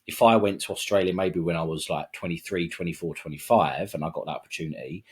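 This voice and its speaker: A man, a podcast guest telling his story in a rambling, relaxed way with many fillers and restarts. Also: low-pitched, fast talker, husky. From Kent, England. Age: 30s. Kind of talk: casual storytelling interview.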